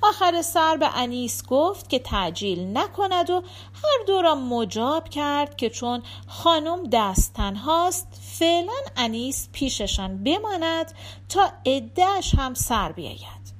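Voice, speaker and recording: A woman narrating an audiobook story with expressive, lively storytelling. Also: sits high.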